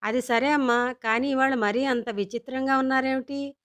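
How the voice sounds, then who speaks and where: An insistent, curious young daughter from a storybook, asking question after question in a wheedling, fairly high voice, as a woman narrator puts her on. She presses on without letting the matter drop. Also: fairly even intonation, normal speed, fairly bright tone.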